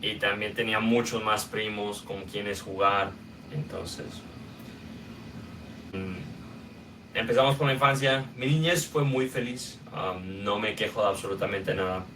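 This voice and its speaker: A young man from Guatemala with a Guatemalan Spanish accent, hosting a podcast and telling his own life story in a casual, unhurried way with many filler sounds. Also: lowish voice, far from the mic, noisy background. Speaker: podcast host. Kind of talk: personal storytelling monologue.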